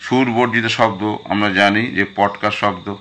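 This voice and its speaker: A man's voice: fairly low pitch, fairly even intonation, normal speed, bright, forceful tone. A man teaching a school physics revision lesson, going through questions one by one and speaking directly to his students. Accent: Bengali.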